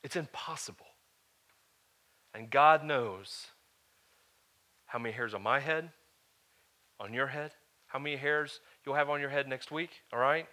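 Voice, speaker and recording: A man preaching a sermon to a live congregation, conversational, with joking asides, swinging from hushed to loud. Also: mid-range voice, measured pace, long pauses. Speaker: pastor.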